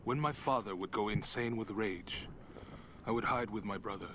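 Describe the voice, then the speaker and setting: An actor playing a big, gentle, loyal crewman in an adventure game, speaking in a sincere manner. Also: fairly low pitch, moderate pace, a little hiss or hum. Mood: brooding, reflective. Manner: sincere, reassuring.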